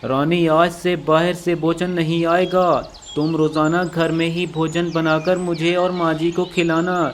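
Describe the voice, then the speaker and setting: A man's voice: fairly high pitch, flat delivery, unhurried, a little hiss or hum, lightly acted. A man voicing a stern husband crow. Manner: firm and commanding.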